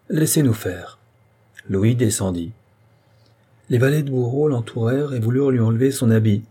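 A man narrates a classic novel in a measured, dramatic reading. His voice is low-pitched and dark. It has a slightly husky edge. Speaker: audiobook reader. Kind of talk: scripted literary narration.

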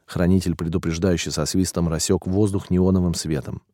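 A man reading a first-person audiobook narration in a steady, even way. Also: deep voice, brisk, no room sound, studio quality.

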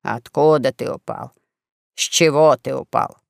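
A man voicing a gruff, hot-tempered bald old swindling preacher who grumbles and curses readily. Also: mid-range voice, measured pace, dry recording, clean studio sound, voice pushed down. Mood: scornful.

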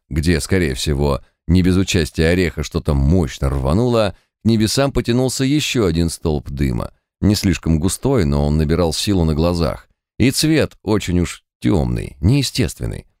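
In clean, dry studio sound, a man with a low-pitched voice reads an audiobook, performing each of the characters himself in an expressive narrating voice as part of scripted narration.

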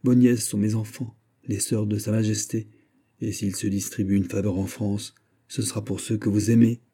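A man voicing a middle-aged queen mother who speaks urgently and pleadingly, in a husky voice. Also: on the low side, little pitch movement, moderate pace, mellow, lightly acted.

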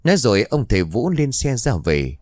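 A man narrating a ghost story in a steady storytelling manner. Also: mid-range voice, fairly quick, dry recording, studio quality. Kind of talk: scripted horror narration.

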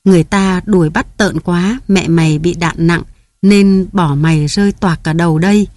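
A woman voicing a kindly old village woman, gentle and firm, in a storybook reading. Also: on the low side, fairly even intonation, moderate pace, no room sound, lightly acted. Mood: tender.

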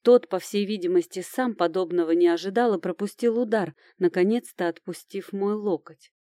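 Женщина размеренно читает аудиокнигу от первого лица. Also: female voice, mid-range voice, moderate pace, mellow, no echo, clean studio sound. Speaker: audiobook narrator. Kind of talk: scripted narration of a fantasy novel.

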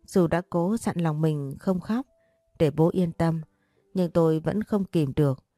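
A woman narrating a sad family story in the first person, reading softly with emotion. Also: low-pitched, unhurried, no echo, soft background music.

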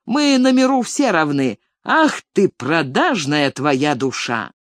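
A reader voicing a defiant young peasant man who shouts angrily in an audiobook story. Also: medium pitch, sing-song, slow, dry recording. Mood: angry. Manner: loud, angry.

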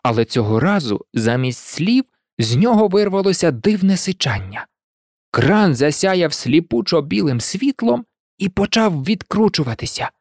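A narrator reading an audiobook in an expressive, lively way. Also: medium pitch, normal speed, no room sound, studio quality.

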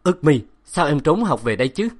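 A man voicing a gruff, bearded older male professor who scolds loudly and impatiently. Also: fairly high pitch, very animated, a little fast, voice pushed up. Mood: scolding. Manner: loud, scolding, exasperated.

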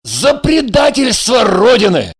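A man playing a gruff, irritable secret agent in an audiobook, brusque and barking. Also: very high voice, huge pitch swings, a little slow, no room sound, heavily acted. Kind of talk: audiobook character reading.

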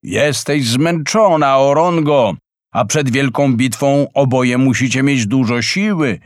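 A huge old whale speaks slowly and weightily in a storybook tale, as a man puts him on. The delivery is drawn-out, with a dry, close sound. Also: mid-range voice, dry recording, lightly acted. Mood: solemn. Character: huge old male whale, wary then kind.

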